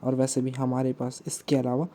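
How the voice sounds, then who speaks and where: A man voicing a determined young woman fighter who presses her brother to go, in a flat recap voice. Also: mid-range voice, normal speed, close to an everyday voice. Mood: urgent.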